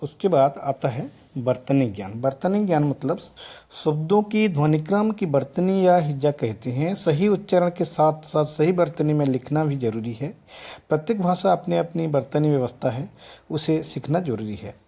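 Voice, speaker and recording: A man's voice: fairly high pitch, lively intonation, normal speed, dark tone. A middle-aged man lecturing teacher trainees, listing examples one word at a time with frequent restarts. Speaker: teacher educator. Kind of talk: classroom lecture.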